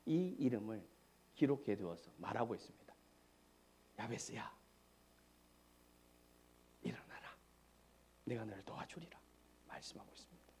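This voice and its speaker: A man preaching a sermon as pastor, asking the congregation questions and swinging between shouted climaxes and hushed whispers. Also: medium pitch. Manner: dramatic preaching, rising to shouts and dropping to whispers.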